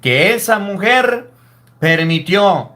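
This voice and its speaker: High-voiced priest preaching. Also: male voice, animated, takes it slowly, pushed and bright. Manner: emphatic, scolding preaching with rhetorical questions. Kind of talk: sermon.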